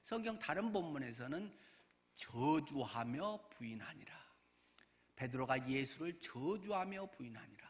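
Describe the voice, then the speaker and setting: A male pastor giving a sermon, telling the story in a lively way and acting out the voices of the people in it. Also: medium pitch, a little slow. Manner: animated storytelling, acts out voices.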